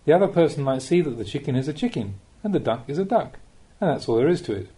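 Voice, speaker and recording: Reading spiritual teachings as an audiobook narrator, this man takes a measured, instructive approach and phrases things emphatically. His voice is on the high side, very animated, and dark in tone.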